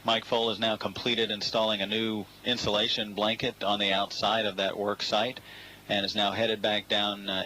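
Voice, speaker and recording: A man giving measured, matter-of-fact live spaceflight commentary from mission control. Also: fairly low pitch, pushed and bright, rough recording. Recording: faint background hiss.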